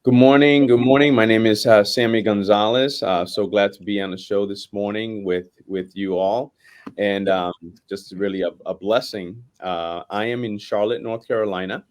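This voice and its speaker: A man in his forties from Puerto Rico, a pastor, introducing himself in a halting way with many fillers and restarts. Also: fairly low pitch, fairly even intonation. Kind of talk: casual guest introduction.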